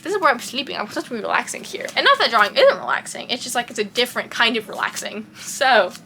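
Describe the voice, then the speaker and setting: Bright young texan girl rambling in her bedroom, tons of likes and ums, faint hiss behind. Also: fairly high pitch, animated, quick pace, vocal fry, rough recording. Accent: light Texan. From Texas. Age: young adult. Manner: rambling, lots of "like" and "um", loses her train of thought. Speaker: vlogger. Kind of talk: casual chat.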